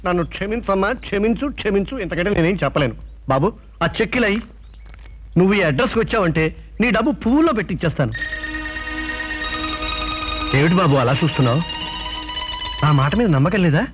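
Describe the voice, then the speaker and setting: A man's voice: high-pitched, animated, fast, pauses often. An actor playing a glib middle-aged con man who talks in a sweetly humble, self-pitying way. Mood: pleading. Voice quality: ingratiating, theatrically humble. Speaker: smooth-talking swindler in a film comedy. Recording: dull old film soundtrack with music.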